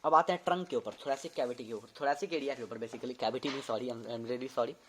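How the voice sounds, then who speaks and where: A man's voice: medium pitch, brisk, fairly bright tone, a little hiss or hum. A young man, a medical student, casually teaching an anatomy lesson, demonstrating movements and often repeating terms to check understanding. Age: young adult.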